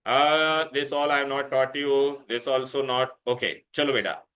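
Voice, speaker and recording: A man's voice: mid-range voice, steady tone, normal speed, pushed and bright. A man with an Indian accent teaching a chemistry class, insistently repeating himself, questioning students and mixing Hindi into his English. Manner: mixes Hindi words into English.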